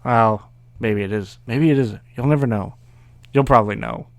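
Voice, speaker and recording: A man's voice: lowish voice, moderate pace, no echo. Sardonic young man telling a comic story. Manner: sardonic, rambling, profane. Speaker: comedian. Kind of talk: storytelling comedy.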